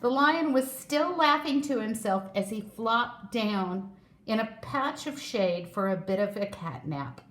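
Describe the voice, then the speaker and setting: A woman reading a children's story aloud in a slow, expressive way. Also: on the high side. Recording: echoey room.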